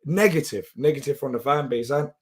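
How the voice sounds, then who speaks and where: A man hosting a live football reaction show, his voice hoarse and half lost, sounding tired. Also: mid-range voice, fairly quick. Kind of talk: live match reaction commentary.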